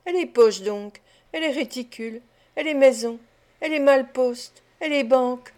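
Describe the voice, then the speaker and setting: A woman's voice: a little high, normal speed, a little mellow, lightly acted. A woman reading an audiobook, voicing a boastful, greedy young man who talks in a brash, swaggering way.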